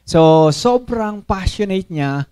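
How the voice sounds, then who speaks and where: A man's voice: sits high, slow, smooth. A man preaching a sermon in a mix of languages, often checking in with his listeners with "okay?" and acting out the speech of the people in the story. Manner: Taglish preaching with frequent "okay?" and "no?" check-ins; animated, acts out quoted speech. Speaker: pastor.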